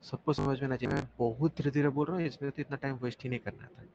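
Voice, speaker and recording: A young male chemistry teacher talks through an online lesson at an unhurried pace and checks in with his students often. His voice has a gravelly, fried edge. The audio is dull and lo-fi, with faint noise underneath. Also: medium pitch, steady tone, a little mellow. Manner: slow, repetitive explaining, mixing Hindi and English, asking students questions. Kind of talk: online class lecture.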